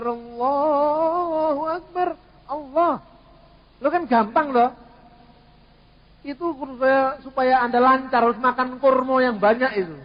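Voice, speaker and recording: A middle-aged man gives an animated, joking talk on theology, dropping in words. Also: high-pitched. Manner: animated, jokey, mixes in Javanese words. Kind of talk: lively teaching talk with humor. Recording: dull sound in a long-echoing hall.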